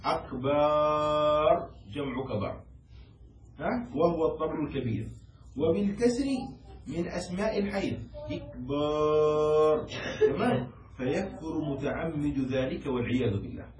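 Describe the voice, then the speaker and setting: A man explains a law text to his students in a lecture, often asking if they follow. His voice sits slightly high. It is caught from a distance in an echoey room with faint noise behind. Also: animated, normal speed, a little mellow. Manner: quizzes students and has them repeat words. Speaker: Islamic law teacher.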